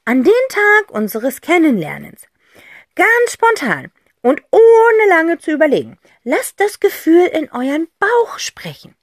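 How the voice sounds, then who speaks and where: A woman's voice: wildly swooping pitch, measured pace, dry recording, studio quality, heavily acted. A woman voicing a cheeky, exuberant eccentric aunt in an audiobook, bubbly and theatrical. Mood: earnest. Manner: bubbly and theatrical, with sudden high exclamations. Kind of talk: audiobook character voice.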